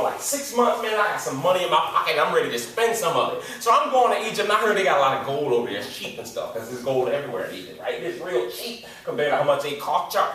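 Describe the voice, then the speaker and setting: A high-voiced American man in his forties gives a motivational talk to young people, animated and slangy. His voice booms around a large echoing hall, caught from a mic well away from him. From Detroit, USA. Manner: animated, slangy, repeats for emphasis. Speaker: youth speaker. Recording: echoey hall, distant mic.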